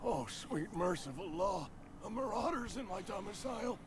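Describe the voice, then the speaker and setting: A grumpy, sickly old man from a video game. His pitch swings widely as he frets and complains melodramatically, with clear noise behind him. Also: lively intonation, normal speed. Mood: alarmed, grumpy. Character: grumpy, fretful sickly old man, fearful and self-pitying. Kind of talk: video game character dialogue.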